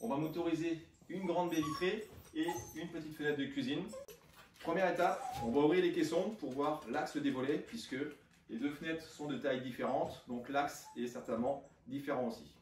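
A man's voice: fairly high pitch, normal speed. Man explaining DIY steps in an echoey room. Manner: matter-of-fact, explaining each step plainly. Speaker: DIY channel host. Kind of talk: casual step-by-step DIY narration. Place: home room by windows, indoors. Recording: echoey room, distant mic, background noise.

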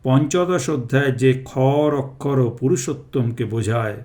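A man slowly chanting Sanskrit verses and then explaining them in a calm, measured reading. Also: medium pitch. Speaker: Gita reader and explainer. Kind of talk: scripture recitation with explanation.

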